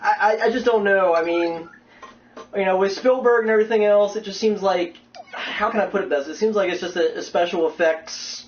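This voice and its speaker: A man with a high voice co-hosts a casual podcast. His talk is informal and halting, with repeated words, and he sounds muffled and far from the microphone. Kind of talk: casual chat. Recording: muffled, distant internet call.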